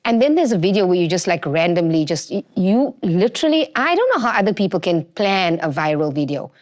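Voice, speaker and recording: Woman, slightly low-pitched, informal interview guest, talkative storyteller who repeats for emphasis. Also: big pitch swings, fairly quick. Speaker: guest, home cook and content creator. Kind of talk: casual interview chat, animated storytelling.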